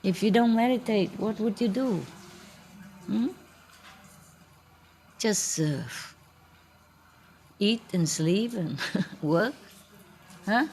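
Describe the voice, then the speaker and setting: A woman's voice: mid-range voice, darkish tone. A woman spiritual teacher chatting casually with a gathering, playful and laughing often, in broken English.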